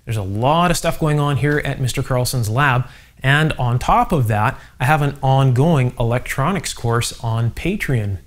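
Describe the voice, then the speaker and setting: A man's voice: medium pitch, lively intonation, normal speed. A middle-aged man hosting an electronics channel, thinking aloud with many fillers as he demonstrates an old device in a home workshop. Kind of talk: casual workbench demonstration.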